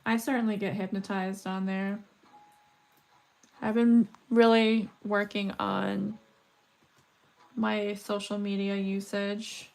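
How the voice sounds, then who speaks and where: A woman's voice: medium pitch, level tone, takes it slowly, pauses often, a little mellow. A woman in her thirties with a slightly scratchy, weak voice, chatting casually and rambling on a livestream while she beads. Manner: chatty, rambling, laughs often. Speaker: livestream host. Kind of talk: casual chat while beading.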